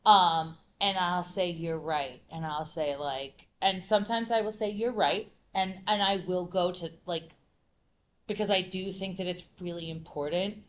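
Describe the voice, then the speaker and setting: Panel speaker, woman teacher, lowish voice, animated, lots of fillers. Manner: animated, many fillers and restarts. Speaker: middle school teacher and panelist. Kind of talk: conference panel talk.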